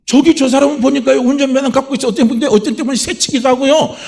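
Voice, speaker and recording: A man's voice: very high voice, steady tone, fast, vocal fry, darkish tone. A middle-aged man, a pastor, preaching a sermon, firing rhetorical questions at the congregation and acting out the voices he quotes. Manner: acts out quoted voices in a raised tone.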